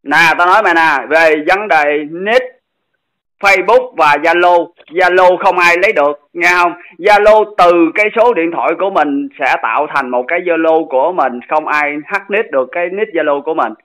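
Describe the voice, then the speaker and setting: A man's voice: a little high, moderate pace, sharp tone. A man, confronting someone on a phone call and insistently demanding an answer. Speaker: channel host in a dispute. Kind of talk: heated phone argument.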